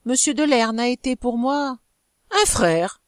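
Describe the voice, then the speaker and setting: A woman reads a young wife defending herself before her jealous husband. She pleads with rising, animated intensity, her voice higher than the narration. The sound is dry and close. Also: moderate pace, no room sound, natural voice. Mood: earnest.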